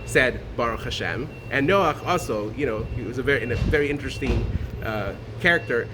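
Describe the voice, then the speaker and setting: A man's voice: medium pitch, fairly quick, background noise. A man from Honduras giving an earnest, informal talk as a guest speaker, with many fillers and restarts. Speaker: guest speaker sharing a Torah thought.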